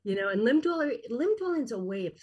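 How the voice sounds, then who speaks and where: A woman in her fifties, a guest who coaches women in transition, chatting casually and telling animated stories that act out the voices of the people in them. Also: fairly high pitch, fast talker, breathy edge. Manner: animated storyteller, acts out quoted voices. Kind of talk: casual conversation.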